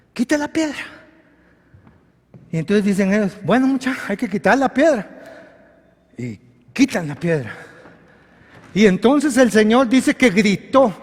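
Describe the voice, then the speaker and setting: High-voiced preaching pastor in a church hall. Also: male voice. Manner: swings from hushed to shouting. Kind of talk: sermon.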